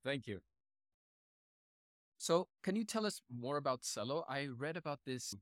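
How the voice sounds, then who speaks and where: A man hosts a casual podcast and keeps his part short, with friendly questions and encouraging murmurs. His voice is mid-pitched, recorded close and dry. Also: lively intonation, unhurried, no echo. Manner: friendly, brief, encouraging prompts. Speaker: podcast host.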